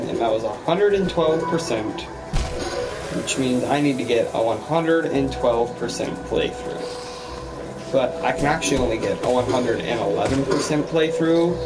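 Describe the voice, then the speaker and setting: Man rambling over loud game music. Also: medium pitch, moderate pace, low-quality recording. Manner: rambling, thinking aloud. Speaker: game streamer. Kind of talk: casual gameplay commentary.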